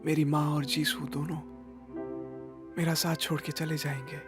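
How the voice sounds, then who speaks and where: A man's voice: fairly high pitch, level tone, normal speed, over music, natural voice. An actor dubbing a remorseful young man who took the blame for his friend, narrating with regret. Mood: regretful. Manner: earnest, regretful. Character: remorseful young man back in high school. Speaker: lead character and narrator. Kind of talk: Hindi dub of a TV drama.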